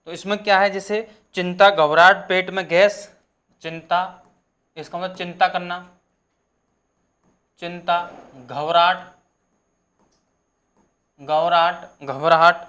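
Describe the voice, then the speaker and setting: Young guy teacher, high voice, repeats every word slow so you can take notes. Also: steady tone, bright, forceful tone. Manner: repetitive, dictating terms slowly for notes. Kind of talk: exam-prep lesson.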